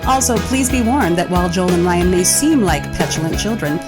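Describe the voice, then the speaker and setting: A woman reading a scripted show introduction in a measured, formal way. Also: fairly low pitch, lively intonation. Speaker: show announcer. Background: music.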